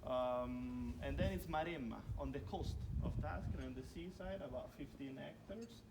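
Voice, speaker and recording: An Italian winery tour guide leads a group through a stone village street, chatty and leaning on "very" for emphasis. His mid-range voice moves at normal speed. It was caught on a phone camera from inside the crowd, so the audio is distant and the outdoor noise is loud.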